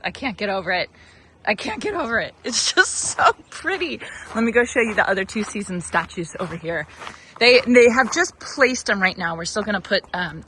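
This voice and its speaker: Bright-voiced woman gushing in her garden. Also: medium pitch, a little hiss or hum, rough recording. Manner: gushing, breathless enthusiasm. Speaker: garden channel host. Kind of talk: excited vlog walkthrough. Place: outdoors in a garden.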